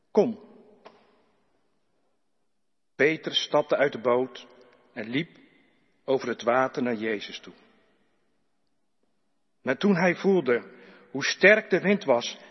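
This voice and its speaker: Brief: husky male scripture reader, unhurried and deliberate, echoing through a church. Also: a little high. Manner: measured, deliberate reading. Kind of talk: slow solemn Bible reading. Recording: echoey church hall, dull lo-fi sound.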